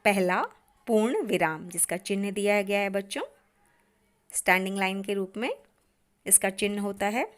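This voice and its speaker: An Indian woman teaching an online grammar lesson to children, speaking deliberately and often addressing the class. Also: medium pitch.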